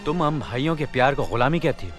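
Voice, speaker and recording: An actor playing a dutiful, loyal younger brother in a Hindi film, speaking earnestly. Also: male voice, medium pitch, expressive, quick pace, over music, natural voice. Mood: stern. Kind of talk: 1990s Hindi film dialogue.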